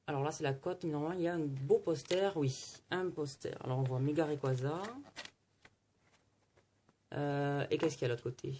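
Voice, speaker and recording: A man's voice: fairly high pitch, darkish tone, a little hiss or hum. A man casually narrating as he opens card packs and flips through magazines, keeping up a chatty running commentary. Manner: chatty running commentary while flipping pages. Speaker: card-opening vlogger. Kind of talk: casual unboxing chat.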